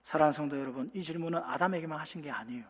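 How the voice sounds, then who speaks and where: A man preaching a sermon as pastor, talking straight to the congregation with questions, moving between hushed near-whispers and loud impassioned peaks. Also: fairly high pitch, rapid-fire, husky. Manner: addresses the congregation directly with rhetorical questions. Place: church sanctuary. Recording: long hall reverb.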